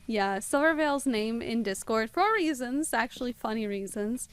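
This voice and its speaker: Fast-talking high-voiced woman streamer. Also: lively intonation, clear, resonant tone. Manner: talks extremely fast; chatty, greets viewers by name. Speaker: game streamer. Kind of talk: live gameplay commentary.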